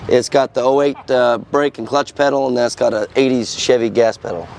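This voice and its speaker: A man with a hoarse smoker's rasp, casually walking through the technical details of a truck build. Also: mid-range voice, steady tone, a little fast, darkish tone. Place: outdoors at a truck show. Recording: outdoor car show with faint noise.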